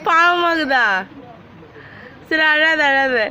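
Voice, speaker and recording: A woman comforting a crying child in a home video, repeating gentle coaxing pleas. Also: high voice, fairly even intonation, drawn-out words. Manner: repetitive coaxing, soothing pleas. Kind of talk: home video, consoling talk.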